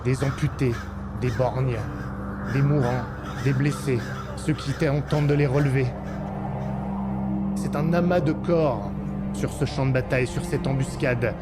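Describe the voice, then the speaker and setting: A man narrating a tabletop game as game master, deliberate and dramatic, in short suspenseful phrases. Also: medium pitch. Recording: loud music and effects behind.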